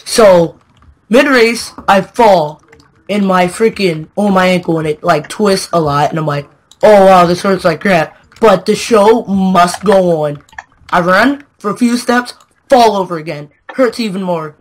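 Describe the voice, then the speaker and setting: A man's voice: high voice, a little slow. A young man in casual chat, joking and laughing as he tells a school story. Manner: joking, teasing, laughs often. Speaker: podcast co-host.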